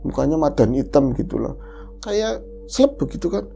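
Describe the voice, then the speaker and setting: A woman host retelling a listener's ghost story in the first person, lively and animated, acting out the quoted voices. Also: low voice, normal speed, vocal fry, soft background music. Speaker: horror story podcast host.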